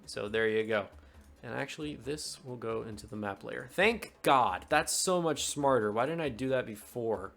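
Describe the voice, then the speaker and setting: A man's voice: mid-range voice, moderate pace, gravelly, fairly bright tone, faint music behind. A man running a tabletop game as game master, narrating in a loose, chatty way. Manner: loose and chatty, fumbles with tools mid-scene.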